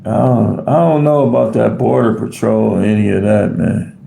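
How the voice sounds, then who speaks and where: A man's voice: on the low side, fairly even intonation, moderate pace, creaky, dark tone, echoey room, a little hiss or hum. An American man hosting a live stream, rambling casually as he answers viewer comments off the cuff. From United States. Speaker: livestream host reading chat.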